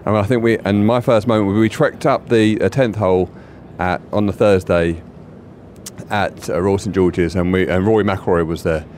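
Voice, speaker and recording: A man co-hosting a podcast, telling an excited, rambling anecdote with many restarts. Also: deep voice, normal speed, a little hiss or hum. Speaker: podcast co-host. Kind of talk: casual chat.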